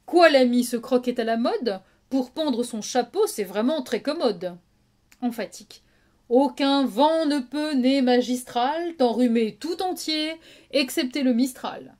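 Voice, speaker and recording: A woman's voice: high-pitched, lively intonation, a little mellow. A woman playing a proud, witty swordsman in hammy, declamatory theatrical verse, drawing out her words. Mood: pompous, flourishing. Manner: hammy stage acting, declamatory, with drawn-out words. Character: proud, witty swordsman Cyrano mocking an insult with flourish. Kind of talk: theatrical recitation of classic French verse monologue.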